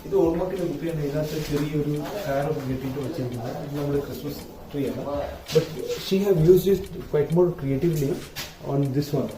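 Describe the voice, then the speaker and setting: A man's voice: fairly high pitch, moderate pace. A man with a Malayali accent presenting a casual vlog, switching mid-sentence between Malayalam and English. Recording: roomy, distant mic with music behind.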